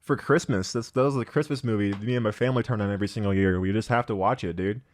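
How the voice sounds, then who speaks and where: A man's voice: on the low side, fast talker. A young man co-hosting a casual podcast chat, joking, swearing and laughing often. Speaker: podcast co-host.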